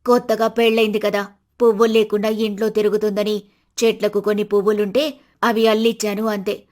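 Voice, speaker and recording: A woman voicing a strict, proud middle-aged mother-in-law in an animated storybook, scolding in a stern voice. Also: mid-range voice, brisk, natural voice.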